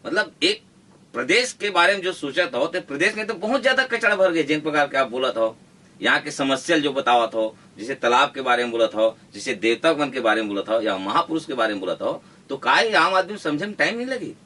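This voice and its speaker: A man interviewing, asking long halting questions. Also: medium pitch, animated, pushed and bright, distant mic.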